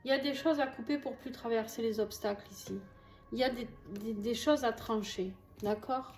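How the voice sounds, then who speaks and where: Woman, southern French accent, tarot reading, chatty and reassuring, higher voice, echoey room, faint music behind. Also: moderate pace, a little mellow. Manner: chatty, reassuring, frequent fillers and asides. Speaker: tarot reader. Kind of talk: casual tarot reading to camera.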